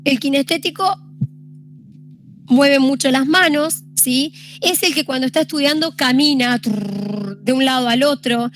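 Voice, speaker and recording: A woman's voice: sits high, normal speed, a bit bright, faint music behind. A young Argentine woman giving an informal lecture on study styles, explaining patiently and often checking in with the listeners. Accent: Argentine Spanish. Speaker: teacher giving a study-tips talk.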